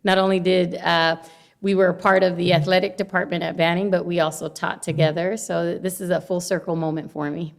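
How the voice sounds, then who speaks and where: Middle-aged woman from Honduras, guest, lively storyteller who laughs a lot. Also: lowish voice, a little fast, vocal fry. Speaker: guest, longshore worker and former teacher. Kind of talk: casual interview conversation.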